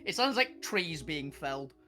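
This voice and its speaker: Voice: mid-range voice, big pitch swings, moderate pace, bright, forceful tone, soft background music. A person playing in a tabletop role-playing game, bantering casually and in character, laughing readily.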